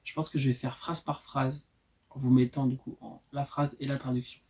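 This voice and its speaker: A man in his twenties hosting his channel, reading his own poems aloud and adding candid, self-mocking asides in a soft, unhurried way. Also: medium pitch, level tone. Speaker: channel host.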